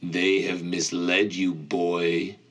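A man's voice: flat delivery, a bit bright, exaggerated voice. Fields: Figure: a man playing an ancient evil voice from the abyss. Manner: cold. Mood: menacing. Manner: low, slow, menacing murmur. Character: ancient evil male voice from a pit, cold and amused.

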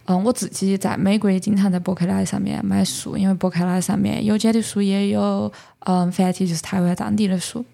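Sichuanese-accented woman with a creaky voice. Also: medium pitch, level tone, brisk, warm tone. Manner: conversational, explanatory, drops in English words. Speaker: podcast host. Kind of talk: casual book talk.

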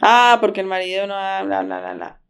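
A woman's voice: medium pitch, wildly swooping pitch, normal speed, clean tone. A woman co-hosting a casual chat, telling anecdotes and stressing her points by repeating them. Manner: emphatic, repeats herself, tells anecdotes. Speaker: podcast co-host.

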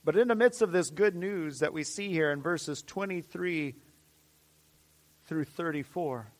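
Slow, fervent high-voiced male preacher. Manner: dramatic swings from loud declarations to hushed near-whispers; fervent, repetitive emphatic phrasing. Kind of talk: sermon.

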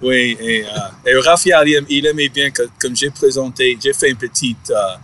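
A man whose first language is English, interviewing casually in a second language, halting and searching for his words. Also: medium pitch, bright, forceful tone, slight background noise.

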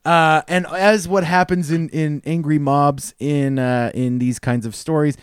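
A man's voice: a little high, fairly even intonation, a little slow, clear, resonant tone, dry recording. A man running a tabletop game as game master, telling the scene loosely with fillers and frequent laughter.

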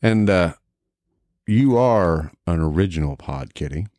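A man co-hosting a podcast in casual chat, wry and animated, swearing freely. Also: deep voice, unhurried, no echo, studio quality. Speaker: podcast co-host.

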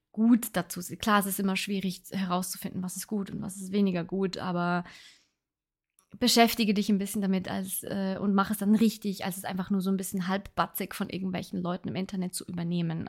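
Chatty woman giving advice. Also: medium pitch. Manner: chatty, thinks aloud, gives earnest advice. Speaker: podcast host. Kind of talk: casual self-help podcast talk.

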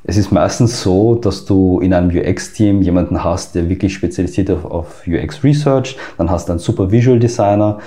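In an interview, the guest expert, a man with an Austrian accent, explains things at length, hesitant and heavy on filler sounds. His mellow voice sits low and keeps a normal speed with few pauses.

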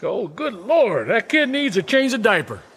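A woman voicing a grumpy, gruff older Southern man just woken up in a car. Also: fairly high pitch, big pitch swings, normal speed, a bit bright, heavily acted. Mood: disgusted. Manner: gruff, exasperated.

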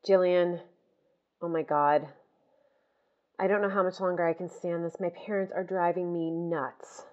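A woman's voice: lowish voice, steady tone, normal speed, muffled recording, background noise. A young woman in a comedic audio drama leaving rambling, exasperated voice messages. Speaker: lead character leaving voice messages.

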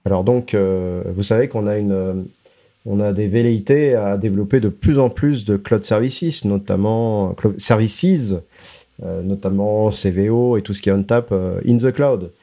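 A man's voice: on the low side, normal speed, warm tone. A man co-hosting a casual tech podcast, explaining product releases with frequent hesitations and English tech terms mixed in.

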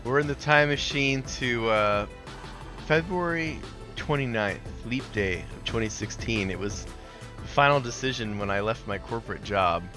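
A middle-aged man telling his story in an interview, earnest and animated, with pauses and fillers. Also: medium pitch, music in the background. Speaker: interview guest, founder.

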